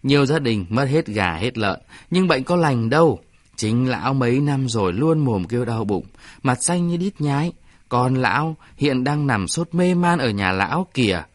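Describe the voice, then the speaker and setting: A man's voice: medium pitch, lively intonation, normal speed, dry recording, studio quality, natural voice. A man voicing an irritated village man who declares things indignantly in a raised voice.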